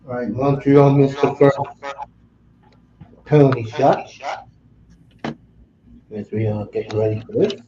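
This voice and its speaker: A man co-hosting a casual online chat, calling out live scores in a relaxed, chatty way. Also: mid-range voice, unhurried, long pauses. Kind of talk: casual chat with sports play-by-play asides. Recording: roomy echo, dull lo-fi sound.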